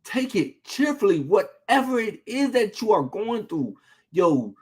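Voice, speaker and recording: A man preaching an informal sermon, reading scripture slowly and talking to listeners in a street-casual way, full of rhetorical questions. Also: high voice, big pitch swings. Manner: reads scripture slowly and deliberately.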